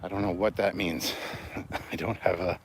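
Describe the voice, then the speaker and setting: A Canadian man with a low voice, fairly even intonation, and a moderate pace hosts a livestream on foot outdoors, a little winded. The talk is informal, rambling chat with viewers, full of swearing and answers to comments he reads aloud. Vehicle sounds fill the noisy recording.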